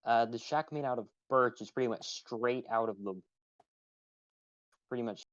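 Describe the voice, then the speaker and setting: A man's voice: medium pitch, moderate pace, no room sound, dull audio. A man playing along in a game chat, talking hesitantly with many restarts. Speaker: fellow player. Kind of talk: casual gameplay chat.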